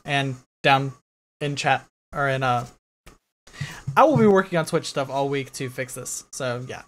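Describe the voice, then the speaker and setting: Laughing, easygoing game master. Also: male voice, medium pitch, measured pace. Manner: laughing, relaxed, rambling. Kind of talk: casual chat running a tabletop game.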